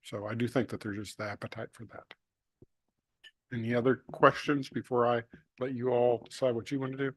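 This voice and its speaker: A staff member briefing an advisory board at a public meeting, pausing often and searching for the right words. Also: male voice, mid-range voice, level tone, no echo, studio quality. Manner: searching for words, many uh fillers.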